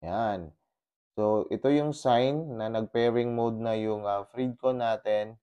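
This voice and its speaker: Smooth and medium-pitched, a slow-paced male voice comes through with the highs cut off. A Filipino motovlogger, he uses his helmet's intercom headset while riding outdoors in a subdivision, casually showing step by step how to pair his gear in mixed Tagalog and English full of fillers.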